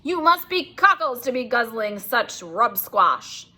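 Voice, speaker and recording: A woman voicing a huge, greedy, brutish male giant who booms and bullies. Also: very animated, takes it slowly, pushed and bright, husky, exaggerated voice. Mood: mocking. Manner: booming, crude and bullying.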